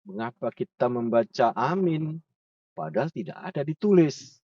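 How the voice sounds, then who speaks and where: A man teaching recitation, slowly repeating sounds and patiently correcting pronunciation. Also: medium pitch, expressive. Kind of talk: pronunciation lesson. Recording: muffled, distant from the mic, dry.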